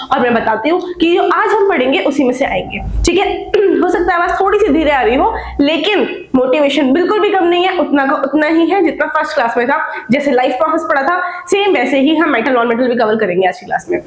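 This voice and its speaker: A young woman teacher giving a brisk, exam-focused classroom lecture, often checking in with her students, while coughing from a slight cold. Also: high voice, reverberant, low-quality recording. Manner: brisk, addresses students as beta and bhai, checks with "theek hai?".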